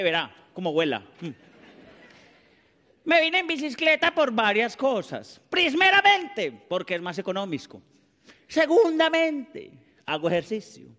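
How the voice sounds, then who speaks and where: A man from Colombia with a Paisa accent performs a stand-up monologue in a very high, bright voice. He talks in an animated, mugging way and keeps bantering with the audience. The sound carries a long reverb from the studio hall. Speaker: stand-up comedian. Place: TV studio stage before a live audience.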